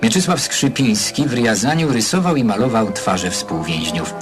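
A man reading newsreel voice-over narration in a measured announcer delivery. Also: lowish voice, lively intonation. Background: loud music bed.

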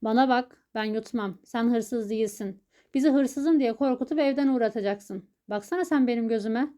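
Huffy indignant tenant guy read by a woman, mellow voice, all bluster. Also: fairly high pitch, normal speed, lightly acted. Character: flustered, indignant male tenant.

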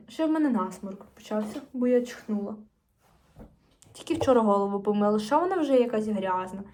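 A woman's voice: on the high side, a little mellow, a little hiss or hum. A teenage girl from Ukraine vlogging casually to camera, chatting in a rambling way with fillers and restarts. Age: teens.

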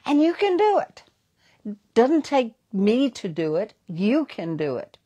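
A woman's voice: a little high, big pitch swings, slow pace, warm tone, slightly rough, dull audio. A woman with a Southern American accent, a psychic host, telling stories in a rambling way with restarts and repeated words. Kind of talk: live stream talk and storytelling.

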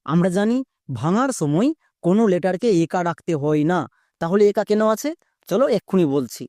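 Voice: medium pitch, dark tone, no room sound, studio quality. A teacher giving a spoken lesson on breaking long words into parts for pronunciation. The teacher explains step by step and keeps checking that the listener is following. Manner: instructive, repeats steps and quizzes the viewer.

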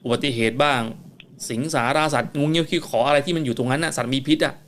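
A man's voice: mid-range voice, quick pace, fairly bright tone, slight background noise. A man hosting a late-night ghost story call-in show, exclaiming often and firing off follow-up questions. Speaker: radio show host.

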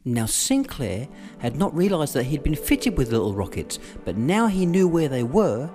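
A man narrating a children's audiobook in an expressive storytelling manner with dramatic pauses. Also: a little high, music in the background. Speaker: voiceover artist.

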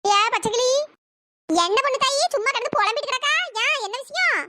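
Gossipy old neighbour woman in a cartoon, squeaky and nosy, noisy track. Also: a little fast. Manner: nosy, teasing chatter. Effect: pitch-raised voice editing.

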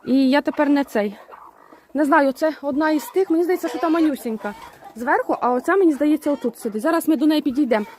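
A woman's voice: high voice, fast talker, darkish tone. A woman keeping a homestead, chatting casually while she coaxes and talks to her hens and geese in a poultry coop. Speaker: homestead keeper. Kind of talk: casual farmyard vlog. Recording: noisy farmyard with clucking hens.

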